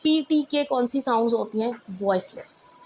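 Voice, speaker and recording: A woman with an Indian English accent gives an English exam revision lecture, mixing English terms into her explanations and repeatedly saying "theek hai ji" and checking with "right?". Her voice is on the high side and animated, at a moderate pace, with a little hiss or hum in the audio.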